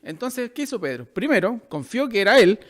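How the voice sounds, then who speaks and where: Animated Chilean man preaching. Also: high-pitched, fairly quick. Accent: Chilean Spanish. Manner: animated preaching, direct questions to listeners. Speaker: pastor. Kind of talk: sermon.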